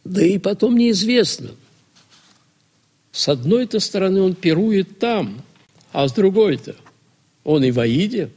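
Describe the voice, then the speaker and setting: A man lectures to a class in a gravelly, husky voice. He keeps throwing out rhetorical questions and then answers them himself. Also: sits high, expressive, measured pace, long pauses, a little mellow. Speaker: lecturer on religion. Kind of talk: lecture to students.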